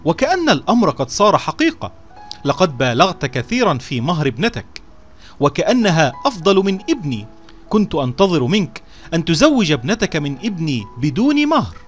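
A touchy younger vizier brother, proud and quick to feel slighted, as a storyteller plays him. He speaks in an indignant, raised voice with a lively rise and fall in pitch. Faint music sits under this storybook scene.

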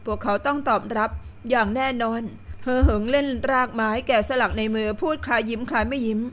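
Rich: A woman narrating a long novel as an audiobook, her voice a little high and her delivery calm and steady. She keeps an even, unhurried reading pace throughout. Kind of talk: scripted narration.

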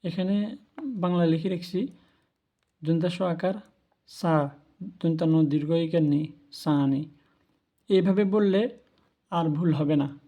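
A man talks through a language lesson at an unhurried, careful pace, repeating each word so learners can follow. His voice sits high for a man yet sounds mellow and soft-edged, and he keeps the tone patient and instructive throughout. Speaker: language teacher. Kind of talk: spoken lesson on Arabic pronunciation.

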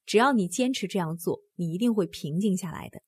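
Husky woman narrating a book summary. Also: mid-range voice, animated, a little fast, no echo. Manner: earnest, addresses the listener directly with questions. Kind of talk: scripted book-explainer narration.

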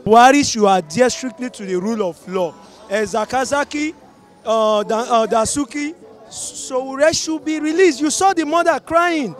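A man's voice: very high-pitched, normal speed, soft background music. A middle-aged man with a Nigerian accent giving an emphatic, oratorical street-interview opinion on a busy city street. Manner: emphatic, oratorical, repeats calls to action. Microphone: handheld mic held by interviewer.

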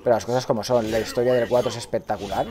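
A man's voice: mid-range voice, steady tone, racing. A man from Spain with a Spanish accent, streaming a game live, swearing often and chatting with his viewers. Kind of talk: live gameplay commentary.

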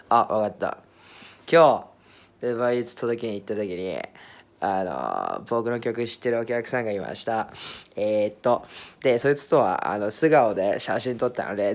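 A young man telling a story to the camera in a rambling, joking, offhand way. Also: fairly low pitch. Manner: rambling, self-mocking, offhand. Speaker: musician vlogger. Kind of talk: casual joking monologue to camera.

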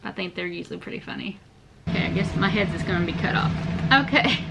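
Over dinner at home, this mother and channel host patiently draws answers from her little one in a relaxed vlog chat. She speaks quickly in a lowish, steady voice edged with vocal fry, while heavy background noise runs underneath.

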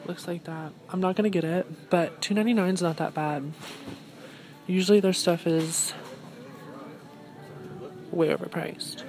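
Here the young thrift vlogger talks over music, her fairly low voice moving a little slowly with frequent pauses and fairly even intonation. She's casual, bubbly and self-admiring, holding her phone camera at arm's length in a car and a thrift store, and the recording is noisy.

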